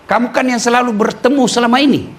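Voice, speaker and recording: The angel of death, a matter-of-fact male spirit, speaks in a casual, fairly high voice, as a man telling a sermon story puts him on. The delivery is plain and unhurried.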